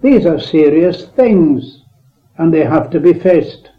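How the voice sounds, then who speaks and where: A man preacher reading a written address aloud in a solemn, measured way, heard on an old tape recording. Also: on the high side, lively intonation, dull audio.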